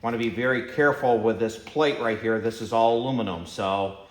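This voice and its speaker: A man's voice: medium pitch, steady tone, brisk. A man giving casual hands-on commentary as he does mechanical repair work. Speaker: vlog host doing mechanical repairs. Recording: roomy echo, loud clanking background noise.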